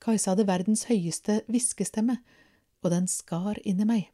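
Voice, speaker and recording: Calm woman reading a storybook. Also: mid-range voice. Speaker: reader.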